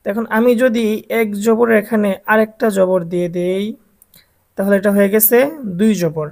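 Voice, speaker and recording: A man's voice: high voice, steady tone, moderate pace, a little mellow. A man with a Bangladeshi Bengali accent teaching Quran reading to adult beginners, drilling letter sounds patiently one by one. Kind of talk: slow, patient recitation lesson for adult beginners.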